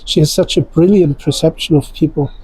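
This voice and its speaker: A man's voice: a little high, fairly even intonation, fairly quick, mellow, breathy edge, no echo, low-quality recording. A man interviewing a guest, speaking in an effusive, admiring way. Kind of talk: interview conversation.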